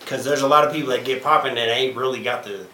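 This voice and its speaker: A man's voice: medium pitch, quick pace, pushed and bright. A man in his thirties, a stand-up comedian guest, talking casually in a laid-back drawl full of slang. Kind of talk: casual podcast chat. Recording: echoey room with faint noise.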